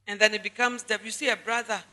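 A woman's voice: mid-range voice, steady tone, quick pace, sharp tone, in a large hall. A woman pastor with a Ghanaian accent preaching a sermon, stressing her points by repeating them and speaking straight to the congregation. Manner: emphatic preaching with repetition and asides to the congregation.

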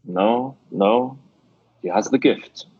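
An actor playing a shrewd, blunt middle-aged Scottish theatre owner, with a Scottish accent, in an old-time radio drama. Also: male voice, medium pitch, takes it slowly, breathy edge, no echo. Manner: blunt, scolding, sly. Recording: dull dry lo-fi radio recording.

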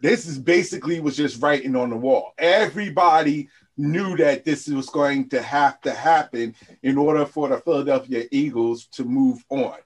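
A man's voice: mid-range voice, normal speed, few pauses, breathy edge, poor audio. A man co-hosting a casual sports podcast, talking in a laid-back, rambling way full of "like" and "you know". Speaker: podcast co-host.

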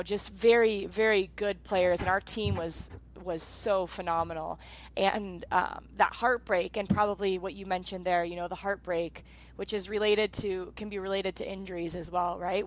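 A woman's voice: mid-range voice, poor audio. A woman in her thirties hosting an interview, a former soccer player who talks empathetically and fills her sentences with "um" and "you know". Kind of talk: casual interview conversation.

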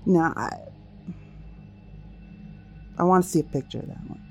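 A woman's voice: low voice, normal speed, soft background music. A woman hosting a humorous solo talk show, speaking in a wry, teasing way with theatrical asides to listeners. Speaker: host of a sex-topic show.

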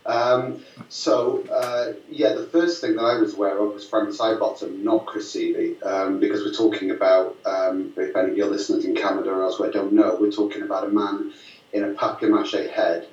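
A man's voice: on the low side, steady tone, fairly quick, a little mellow. A man, telling stories in a rambling, amused way with many fillers and restarts. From Lancashire, northwest England. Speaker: filmmaker guest. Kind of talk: casual storytelling interview. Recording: roomy, distant, dull mic sound.

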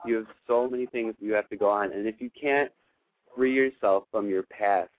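Here a male host of a radio call-in show advises callers at a moderate pace, his lowish voice captured dry. Earnest, affirming and emphatic, he talks like a spiritual coach, and the audio comes through narrow and phone-like.

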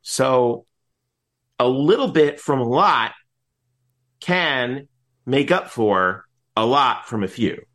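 This middle-aged man is an interview guest, announcer and teacher, talking casually with rambling, lively explanations that often break off mid-thought. He has a mid-range voice, takes it slowly, and leaves long pauses.

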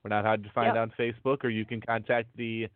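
A man's voice: on the low side, flat delivery, fast, no room sound. A man speaking casually as a podcast co-host. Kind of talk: casual chat. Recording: tinny, phone-like dry connection.

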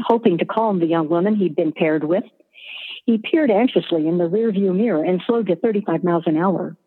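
A woman tells a story in a low, husky voice, her reading even and descriptive. The sound is thin and tinny, like a phone line, with a long reverb hanging after each phrase. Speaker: narrator. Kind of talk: scripted story narration.

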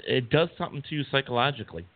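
A man's voice: mid-range voice, racing. A man hosting a talk radio show, chatting casually with lots of restarts. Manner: animated, stumbling restarts. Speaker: radio host. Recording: tinny phone line.

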